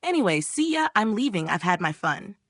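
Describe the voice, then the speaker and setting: A woman's voice: mid-range voice, big pitch swings, a little fast, fairly bright tone, no room sound, clean studio sound. A woman voicing a smug, crude young woman who teases and mocks in a recap of a manga. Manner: mocking, crude.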